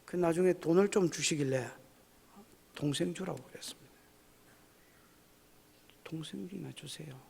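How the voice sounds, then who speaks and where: A man's voice: fairly high pitch, normal speed, creaky, long pauses, dark tone, slightly rough. A male pastor preaching a folksy, emphatic sermon at a church service, often asking the congregation questions. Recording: echoey church hall.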